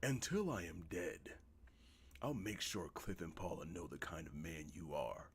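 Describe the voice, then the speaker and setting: A bitter, betrayed wife pours out her anger in a game scene, read aloud by a man. The delivery swings widely in pitch and runs hot with feeling. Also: lively intonation, normal speed, bright, forceful tone. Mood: furious.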